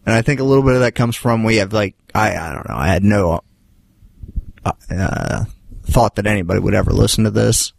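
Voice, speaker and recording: Laid-back gravelly man, low voice. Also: fairly quick, no room sound. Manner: laid-back, rambling, self-deprecating, swears casually. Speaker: podcast co-host. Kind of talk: casual chat.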